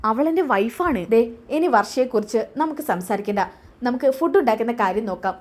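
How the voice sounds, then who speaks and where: Calm, polite young man voiced by a woman narrator, firm tone. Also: fairly high pitch, a little fast.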